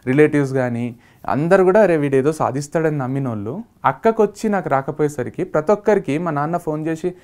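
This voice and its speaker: A man with a Telangana Telugu accent, a startup founder telling a personal story in a lively way and acting out what his family said. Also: on the high side, a little fast. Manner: lively, acts out family members' quoted lines.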